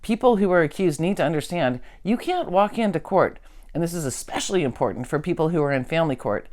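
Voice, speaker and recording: A woman's voice: low voice, animated, quick pace, a little mellow. A woman legal researcher in a casual discussion, talking emphatically and slipping into mock voices when she quotes others.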